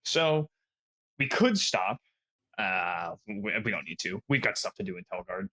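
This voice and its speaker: A man playing in a tabletop game, asking quick practical questions. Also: on the low side, very animated, bright, forceful tone. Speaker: player. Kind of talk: casual chat at a tabletop game.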